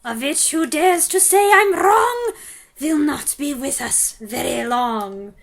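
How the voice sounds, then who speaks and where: A woman's voice: high voice, animated, slow pace, vocal fry, voice pushed up, heavily acted. A woman voicing a furious, tyrannical female witch queen who shrieks and rants in stiff, formal speech. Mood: chanting. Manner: shrieking, ranting, foreign-sounding formal speech.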